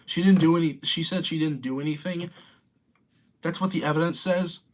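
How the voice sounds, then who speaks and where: Slightly high in pitch, with a steady tone and normal speed, this late-teen streamer casually rambles through his commentary while reading chat messages out loud.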